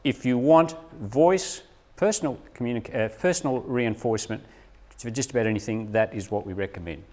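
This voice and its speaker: A man's voice: medium pitch, a little fast, a little mellow. A man giving a live training talk to teachers, often checking in with "right?". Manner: chatty, keeps checking in with "right?". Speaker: presenter at a teacher training session. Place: meeting room with a live audience. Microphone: lapel mic, later a room camera mic from afar. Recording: distant room mic at times.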